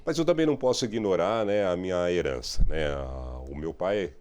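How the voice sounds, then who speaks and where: A middle-aged journalist talks through his career in a relaxed interview. His voice sits very low yet swings widely in pitch. He is reflective and keeps checking in with his listener. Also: moderate pace. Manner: reflective, frequent "né?" tags. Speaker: radio and TV journalist.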